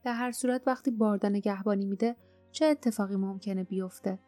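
A woman voicing an uneasy young man on a dangerous journey who speaks in a hushed, hurried way. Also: medium pitch, fairly even intonation, no echo, natural voice. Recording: dry close mic, faint music underneath.

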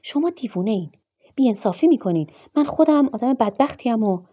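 Storybook: woman plays a hot-headed wealthy gentleman, indignant, shouting, mellow voice. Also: a little high, expressive, slightly rough, voice pushed up.

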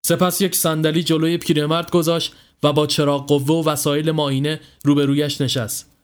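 A man narrating a scripted horror story in a steady, dramatic manner. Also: on the high side, smooth. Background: faint music.

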